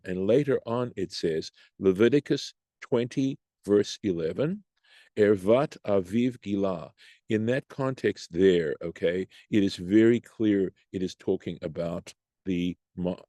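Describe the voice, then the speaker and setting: A man with a low, mellow voice leads a study class, reading short phrases from the text and then explaining them at an unhurried pace. He thinks aloud with restarts and climbs higher when he poses the debate's questions. The sound is dry and close, as on a video call. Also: no echo. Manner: rises in pitch when voicing the Talmud's questions. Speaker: Torah study teacher.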